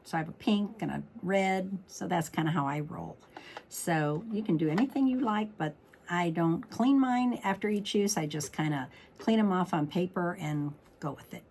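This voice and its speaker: A woman with a slightly froggy, fairly low voice hosts a chatty card-making demonstration, talking informally and thinking aloud as she works. She speaks at a moderate pace with a somewhat mellow tone, and there's a little hiss or hum in the recording.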